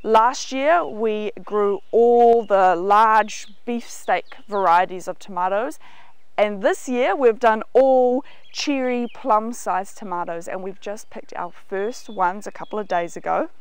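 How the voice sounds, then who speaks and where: A woman's voice: medium pitch, slow pace, clear, resonant tone, dry recording. A woman in her thirties with a New Zealand accent, giving an enthusiastic guided tour of her market garden outdoors. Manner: enthusiastic, explanatory, walking and pointing at crops. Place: outdoors in a large vegetable garden.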